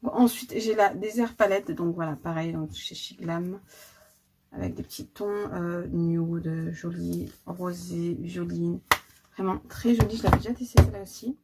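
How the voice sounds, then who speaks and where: A woman's voice: lowish voice, fairly even intonation, unhurried, dark tone. A woman, casually showing her makeup collection in a vlog, chatty and full of fillers and repeated words. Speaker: beauty vlogger. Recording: noticeable background noise.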